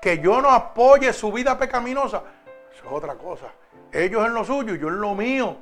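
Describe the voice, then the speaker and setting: A man, preaching a sermon as a pastor and giving his own testimony, fervent and shifting between loud emphasis and hushed confession. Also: high-pitched, animated, moderate pace, soft background music.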